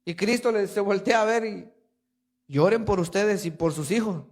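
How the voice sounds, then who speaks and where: High-voiced man preaching emphatically. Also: moderate pace. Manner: emphatic preaching, addresses listeners as brother. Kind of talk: sermon. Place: church.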